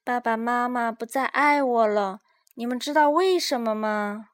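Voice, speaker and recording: A woman's voice: fairly high pitch, measured pace, lightly acted. A woman doing a small worried boy. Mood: wistful. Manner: anxious, questioning.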